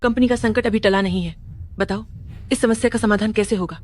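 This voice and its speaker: A woman's voice: medium pitch, brisk, a little mellow, close to an everyday voice. A woman dubbing a greedy relative who taunts and accuses her family. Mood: taunting. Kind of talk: Hindi dub of a drama.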